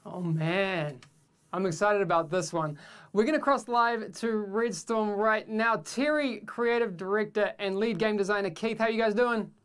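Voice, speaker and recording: A man's voice: high voice, moderate pace, a bit bright, smooth. A man hosting a game livestream show, upbeat and full of fillers. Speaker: host.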